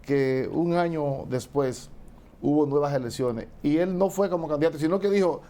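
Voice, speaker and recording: A man's voice: fairly high pitch, normal speed, warm tone. A man in a casual political discussion, talking with indignation and asking rhetorical questions. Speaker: political commentator.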